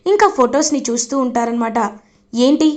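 A woman with a high voice retells a TV serial episode in a casual storytelling way. She rambles on and leans on repeated fillers as she moves the plot along. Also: normal speed. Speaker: serial recap narrator.

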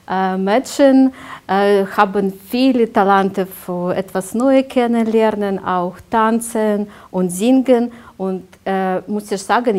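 A woman in her forties from Ukraine, a teacher, speaking German with a Ukrainian accent, halting and full of fillers, in a classroom on a lapel mic. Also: mid-range voice, a little mellow. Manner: halting, many filler sounds.

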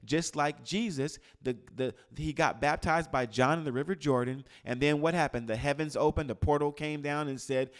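A man preaching an interactive sermon to a live group, quizzing the room and calling on people by name. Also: a little high. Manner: animated, swings from loud to hushed. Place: church gathering with a live group.

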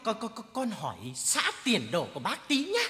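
A woman's voice: on the high side, huge pitch swings, fairly quick, slight background noise, full character voice. A woman playing a cheeky, punning male clown servant in a traditional chèo stage comedy, full of teasing wordplay and sing-song quips. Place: theater stage. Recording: stage hall, loud live music.

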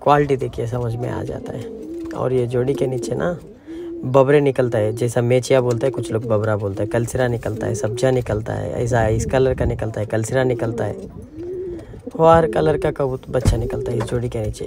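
A man's voice: mid-range voice, normal speed, gravelly, crowd noise. A man casually walking visitors around his outdoor pigeon loft and explaining his birds. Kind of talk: casual vlog walkthrough. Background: pigeons cooing.

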